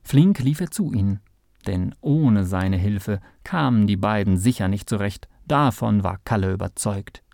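Mellow man reading a children's story. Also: fairly low pitch, a little slow, creaky, no room sound, studio quality. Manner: gentle, expressive storytelling. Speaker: narrator.

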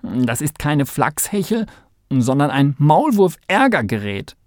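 A man's voice: a little high, very animated, a little mellow, no room sound, studio quality, voice pushed up. A man voicing a small, anxious male mole in a storybook reading, whiny and pleading. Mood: indignant. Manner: whiny, pleading, quick to sulk.

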